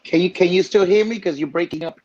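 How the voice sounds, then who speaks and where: A man's voice: high-pitched, fast talker, darkish tone. A man on a call whose glitchy audio is breaking up, giving brief, polite replies. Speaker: client on a call. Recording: dull lo-fi call line.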